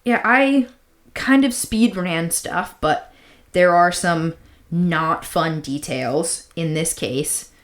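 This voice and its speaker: A woman with a lowish voice speaks slowly as a podcast co-host. She chats casually and tells stories in slangy, informal language, repeating things for emphasis.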